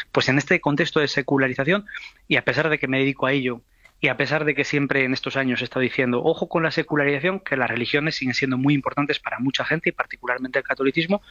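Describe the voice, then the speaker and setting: Bright-voiced man on a muffled line. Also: mid-range voice, no echo. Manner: thoughtful, measured, with hesitations. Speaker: sociologist guest. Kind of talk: radio interview commentary.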